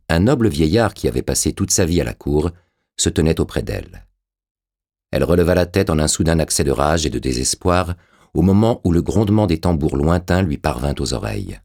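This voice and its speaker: A man reading a dark fantasy audiobook aloud in a measured, dramatic way. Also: a bass voice. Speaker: audiobook narrator. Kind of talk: scripted audiobook narration.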